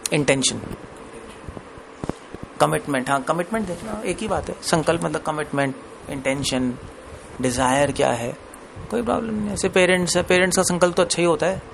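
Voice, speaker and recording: Male preacher, conversational sermon delivery, gravelly, slightly high-pitched, English words mixed in. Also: background noise. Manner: conversational, mixes English words, laughs between points. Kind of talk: Hindi discourse on scripture.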